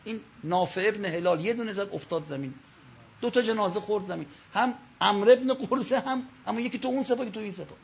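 A man preaching a religious sermon from the pulpit, telling stories and swinging between loud calls and low asides. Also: creaky, slightly rough, highs cut off.

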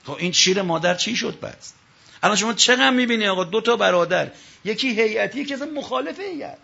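High raspy preacher on a dull recording. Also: male voice, animated. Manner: storytelling, swinging between loud calls and low asides. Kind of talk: religious sermon from the pulpit.

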